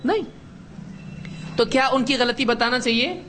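A man's voice: extremely high pitch, noisy background. Religious teacher quizzing his class. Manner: asks the class questions and answers them himself. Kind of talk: classroom lesson. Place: classroom with students.

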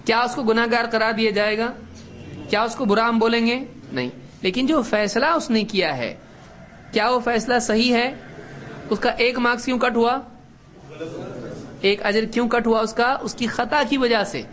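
A man's voice: extremely high pitch, a bit bright, a little hiss or hum. A middle-aged man giving a religious lesson to a class, asking questions and answering them himself. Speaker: religious teacher. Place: classroom with students.

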